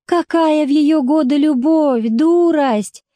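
A woman narrating voices a distraught middle-aged sister who is close to sobbing and pleads urgently. The voice is a touch high but mellow in tone. The sound is dry and close, as in a quiet studio. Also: takes it slowly, dry recording. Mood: desperate. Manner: tearful, pleading, rising to outbursts. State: crying.

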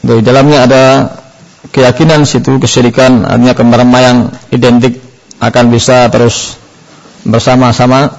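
Gravelly man giving an Islamic Q&A lecture. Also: mid-range voice, flat delivery. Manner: unhurried, with frequent "nah" fillers. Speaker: Islamic teacher answering questions. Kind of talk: religious Q&A lecture. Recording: dull lo-fi lecture recording.

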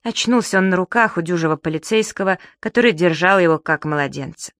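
A woman narrating a children's audiobook in an even storytelling voice. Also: lowish voice, a little fast, dry recording, clean studio sound. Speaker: audiobook reader.

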